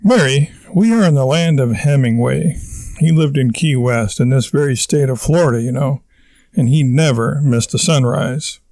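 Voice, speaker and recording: A man voicing a pompous, excitable middle-aged husband who declaims grandly in a dry, close sound. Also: mid-range voice, moderate pace, no room sound, close to an everyday voice. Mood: lecturing. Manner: indignant, declaiming, self-important.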